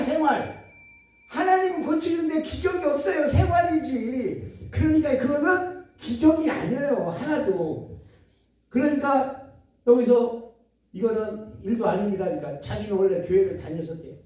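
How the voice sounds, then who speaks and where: Very high-voiced man preaching in an echoey hall. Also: distant mic. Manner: animated, acts out dialogue, laughs often. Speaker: guest lecturer at a retreat center. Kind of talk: testimony sermon with storytelling.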